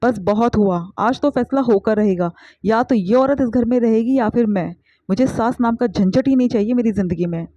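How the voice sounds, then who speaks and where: A woman's voice: fairly high pitch, normal speed, dark tone, no echo, natural voice. A woman voicing a spoiled young wife who hurls scornful accusations, heard on a dull lo-fi recording. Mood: tearful complaint. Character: sharp-tongued young wife, spoiled and resentful.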